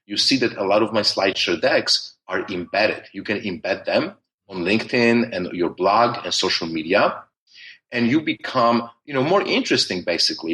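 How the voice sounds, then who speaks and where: Heavily accented and from Poland, a man talks at length during a conversational podcast interview as the guest, frequently starting over and using fillers. His lowish voice has a sharp tone, and the recording is low quality.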